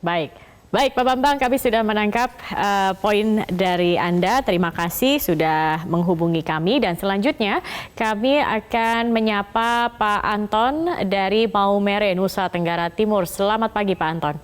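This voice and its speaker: A woman's voice: medium pitch, unhurried, clear, resonant tone, long reverb tail. A woman hosting a live phone-in, politely acknowledging callers and introducing the next one. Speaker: television talk show host.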